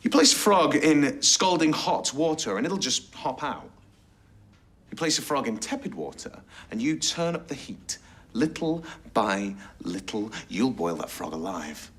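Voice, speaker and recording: An actor playing a relentless, accusing male prosecuting barrister in a TV soap, with measured, pointed rhetorical questions. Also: medium pitch, sing-song, a bit bright. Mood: grave, pressing. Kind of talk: TV soap courtroom acting.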